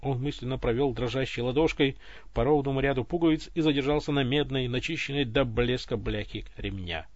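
A man's voice: medium pitch, a little mellow, no echo. A man reading an audiobook with wry storytelling narration, on a dull, dry recording.

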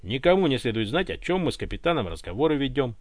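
A man's voice: medium pitch, sing-song, fast, no echo, studio quality, natural voice. A man voicing a cocky, mocking space smuggler in an audiobook, taunting as he talks. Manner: sneering, taunting.

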